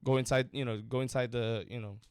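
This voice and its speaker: Smooth Filipino-accented man chatting. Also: medium pitch, fairly even intonation, fairly quick, dry recording, clean studio sound. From Philippines. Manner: easygoing, full of fillers. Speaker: podcast co-host. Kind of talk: casual chat with friends, code-switching.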